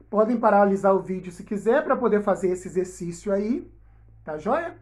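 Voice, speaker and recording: A woman teacher gives a recorded video lesson for young pupils, slowly drawing out example words and checking in often with her class. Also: sits high. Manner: slow, drawn-out spelling of example words. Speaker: schoolteacher. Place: home or classroom, projecting slides on a wall.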